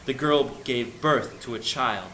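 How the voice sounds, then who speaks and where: A storyteller narrates a folk tale for children in simple, short phrases, his medium-pitched voice unhurried, pushed and bright. The room is echoey, with faint background noise.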